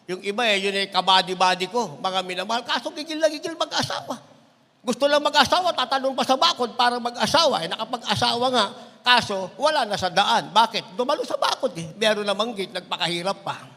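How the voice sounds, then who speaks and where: Middle-aged preacher guy, sharp bright voice, big echoey church hall. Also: fairly quick. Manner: impassioned, swings between shouting and low asides. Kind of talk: Tagalog sermon. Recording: long hall reverb.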